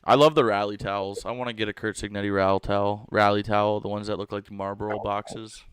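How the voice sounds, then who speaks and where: A man's voice: fairly low pitch, level tone, fast talker, smooth, no room sound. A young man co-hosting a casual sports chat, laid-back and jokey with slangy asides. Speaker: co-host.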